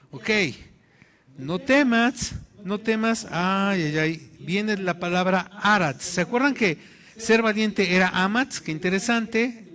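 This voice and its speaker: A man with a Mexican accent, a pastor preaching a sermon and telling a personal story in an animated way, acting out the voices in it. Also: high-pitched. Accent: Mexican Spanish.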